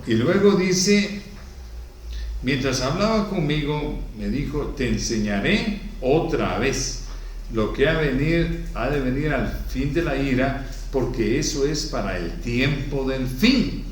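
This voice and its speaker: Slow, animated preacher in echo. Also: male voice, medium pitch, distant mic, a little hiss or hum. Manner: reads verses aloud, then comments on them slowly and emphatically. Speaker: pastor. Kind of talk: sermon, reading and explaining scripture. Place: church hall. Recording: very echoey hall.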